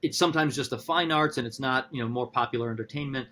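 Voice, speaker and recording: Animated male professor thinking aloud. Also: quick pace, a little hiss or hum. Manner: animated, talks through ideas with frequent restarts; acts out quotes with sudden high-pitched voices. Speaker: philosophy professor. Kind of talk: podcast conversation.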